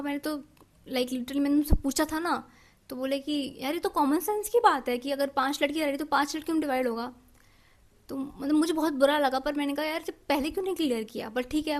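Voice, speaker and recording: A young woman with a high, light voice recounts a personal ordeal on her vlog. She talks with feeling, stumbles through fillers and restarts, and drops English words into her speech. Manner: emotional, frequent fillers and self-corrections, mixing in English words. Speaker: vlogger. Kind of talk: personal storytime.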